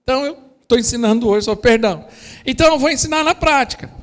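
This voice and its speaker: A male pastor with a Brazilian accent preaches at an unusually high pitch for a man. He speaks to his congregation directly and with energy. His voice rings out in a church hall with a long, lingering reverb. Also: fast. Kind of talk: sermon.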